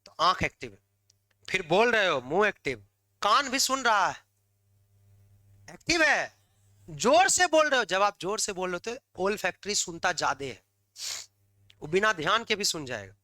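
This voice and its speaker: Male teacher, high-pitched, very bright voice, lively coaxing lecture, dry close sound. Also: moderate pace, long pauses, no echo. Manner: lively, scolding and coaxing students, loud bursts. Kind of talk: classroom lecture.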